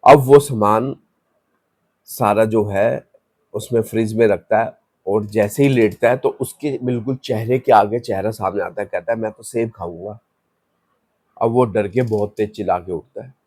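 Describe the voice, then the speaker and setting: Low-voiced man telling a ghost story. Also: steady tone, moderate pace, a little mellow, breathy edge, dry recording, clean studio sound. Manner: loose, conversational retelling with restarts. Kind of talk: casual spoken horror story.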